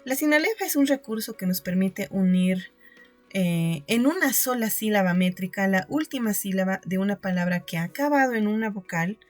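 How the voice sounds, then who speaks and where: A woman's voice: medium pitch, animated, moderate pace, darkish tone, soft background music. A woman teacher giving a recorded lesson, explaining step by step and checking in with her students. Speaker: secondary school teacher.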